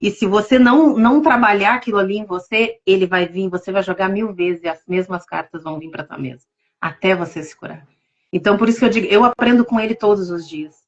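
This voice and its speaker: A woman's voice: mid-range voice, quick pace. Heartfelt Brazilian woman on a lo-fi call. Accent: Brazilian Portuguese. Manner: emotional, heartfelt storytelling. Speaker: guest, tarot reader. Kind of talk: casual testimony in a live interview.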